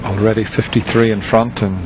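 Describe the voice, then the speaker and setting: A man giving quiet, low-key snooker commentary in a relaxed, understated manner. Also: a little fast, background noise.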